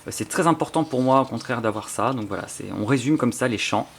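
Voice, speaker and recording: Gravelly-voiced Frenchman chatting over an unboxing. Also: mid-range voice, fast. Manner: rambling, enthusiastic, many fillers and restarts. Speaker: YouTuber presenting his book collection. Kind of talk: casual spontaneous unboxing chat.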